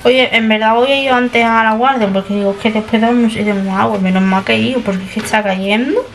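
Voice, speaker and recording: A young family vlogger talks quickly in a fairly high, steady voice, wandering from topic to topic as she describes her chores to the camera. She's in a small kitchen at home. The recording is rough, with a little hiss or hum.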